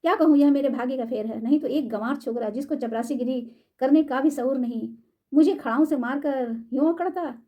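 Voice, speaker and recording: A woman's voice: sits high, moderate pace, mellow, natural voice. A woman voicing a proud young wife from a wealthy family who answers sharply and indignantly.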